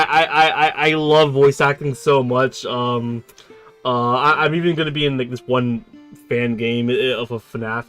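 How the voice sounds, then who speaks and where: A young man streaming a dating game, excitable, laughing often and repeating words as he stammers. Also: a little high. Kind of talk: reading a dating sim aloud on stream.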